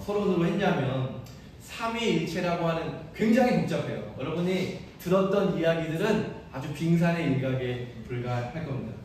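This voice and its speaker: A man's voice: on the high side, a little mellow, recorded from a distance, slight background noise. A male priest giving an earnest, personal sermon in a church, with self-deprecating asides. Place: large church sanctuary. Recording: echoey church hall from afar.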